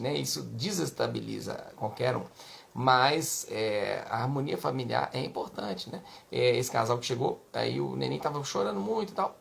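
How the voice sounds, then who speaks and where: A man's voice: fairly high pitch, fairly bright tone. A man with a Brazilian Portuguese accent, a pediatrician giving parenting advice in a chatty way, full of tag questions. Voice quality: creaky. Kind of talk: casual advice talk.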